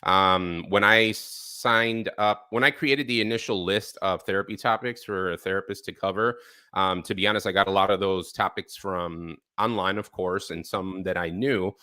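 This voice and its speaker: A man with a fairly low, bright voice hosts a live-streamed interview show. He talks loosely and warmly to his audience and fills his pauses with ums and uhs. The recording is dry and close. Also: dry recording. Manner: relaxed, filler-heavy talk with frequent ums. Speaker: podcast host.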